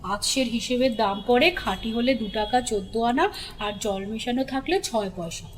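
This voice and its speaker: A woman voicing a sly, know-it-all male crow shopkeeper in a storybook reading, with a low, dry, knowing delivery. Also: normal speed, long reverb tail, slight background noise, natural voice, poor audio. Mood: reckoning.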